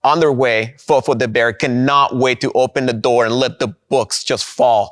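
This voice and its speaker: A man's voice: medium pitch, steady tone, dry recording. Man, conference keynote, upbeat, mid-range voice, dry close sound. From Guatemala. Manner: upbeat, slows down to stress key points. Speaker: presenter of a product.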